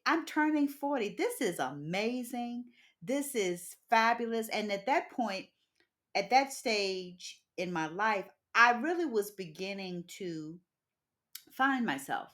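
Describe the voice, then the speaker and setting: A woman in her fifties hosts a podcast interview in a casual, chatty way, speaking expressively and emphatically and laughing often. Her voice sits on the high side with a fairly bright tone.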